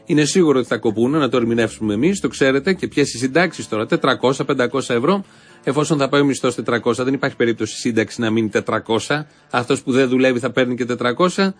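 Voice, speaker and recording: Sarcastic male political commentator. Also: medium pitch. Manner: biting, sarcastic. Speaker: host.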